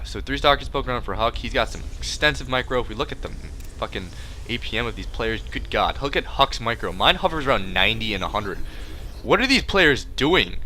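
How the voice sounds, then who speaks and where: A man's voice: mid-range voice, bright, forceful tone, slight background noise. A man with a congested, stuffy nose who breathes through his mouth, doing casual, rambling game commentary with joking, self-deprecating asides. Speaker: esports match commentator.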